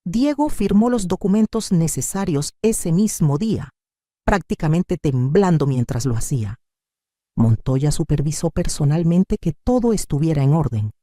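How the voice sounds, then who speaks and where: A woman's voice: sits low, expressive, normal speed, mellow, no echo, clean studio sound. A woman narrating a dramatic story in the first person, in a composed, firm manner.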